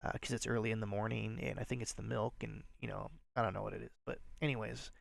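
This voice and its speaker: Nasal, rambling man with gravelly voice. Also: on the low side, level tone, fast talker, no room sound. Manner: rambling, filler-heavy, self-deprecating. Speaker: resale channel host. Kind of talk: casual show-and-tell vlog.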